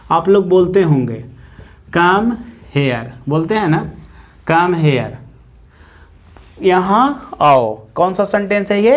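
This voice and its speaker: A man teaches a grammar lesson. He talks at a slow, unhurried pace and repeats each example several times. He keeps checking in with his students as he goes. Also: high-pitched. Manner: slow, repetitive explaining with many "theek hai" checks.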